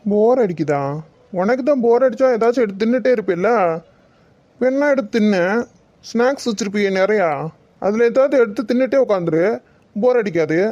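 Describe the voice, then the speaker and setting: A performer voicing a grumpy young husband and bossy older brother in a cartoon, grumbling and scolding. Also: male voice, sits high, brisk, pauses often, warm tone, dull audio, lightly acted. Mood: mocking. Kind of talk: cartoon voice acting.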